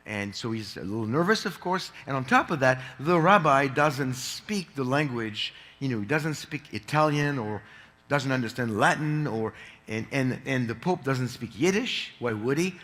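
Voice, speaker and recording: A man speaking at a conference, telling a long joke with lively swings and frequent restarts. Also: mid-range voice, normal speed. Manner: animated storyteller, frequent restarts. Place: large conference hall. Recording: echoey conference hall.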